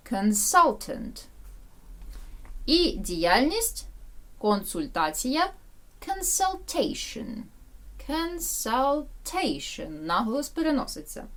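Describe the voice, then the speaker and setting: A woman teaching English medical vocabulary, explaining in her own language and repeating English terms slowly and carefully. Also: mid-range voice, a bit bright. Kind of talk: bilingual vocabulary lesson.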